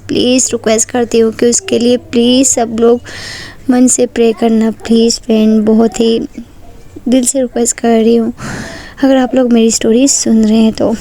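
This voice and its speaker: High-voiced chatty woman storyteller. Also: mellow, slight background noise. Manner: chatty, pleading with viewers, many fillers. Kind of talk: chatty story narration for online listeners.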